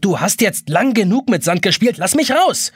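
A man's voice: high voice, sing-song, normal speed, breathy edge, dry recording, clean studio sound, pitched above the performer's own voice, full character voice. Man voicing an impatient, hot-tempered boy. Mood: angry. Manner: impatient, snaps and shouts. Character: impatient stubborn young boy, quick to anger.

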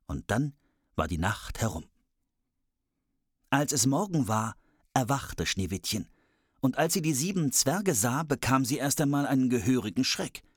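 Someone reading a fairy tale aloud in a lively, playful way, adding cheeky asides. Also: mid-range voice, unhurried, long pauses, husky, dry recording, clean studio sound. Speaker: storyteller.

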